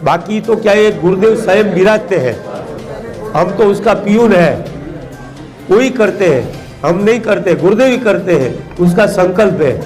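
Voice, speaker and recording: A man's voice: high voice, expressive, unhurried, darkish tone, soft background music. A middle-aged man from Gujarat, answering questions at a press conference in a humble, devout way. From Gujarat, India. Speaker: charitable trust representative.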